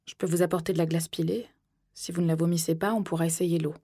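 Woman reading brisk practical nurse, lowish breathy voice, audiobook. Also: steady tone, dark tone, dry recording, studio quality.

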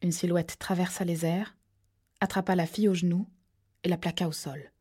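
A woman narrating a thriller audiobook in a steady, measured storytelling voice that drops to hushed tones at tense moments. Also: lowish voice, slightly rough.

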